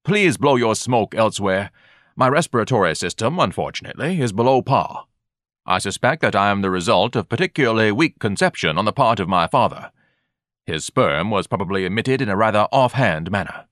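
A haughty, fussy hot-dog vendor, put on by a male narrator speaks in lofty, pompous sentences. The delivery swings up and down with animated pitch and sits a little louder than the narration. The sound is dry and close. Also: a little fast, no echo. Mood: icy. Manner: grandiloquent, lofty and disdainful.

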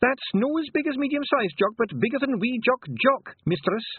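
Here a tiny, keen young Scottish pixie lad pipes up, very high, bouncing all over his pitch and full of earnest duty. It comes through thin and tinny, like a phone line, and dry. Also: animated, moderate pace, breathy edge, dry recording, exaggerated voice. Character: young eager male Feegle pixie, earnest and dutiful.

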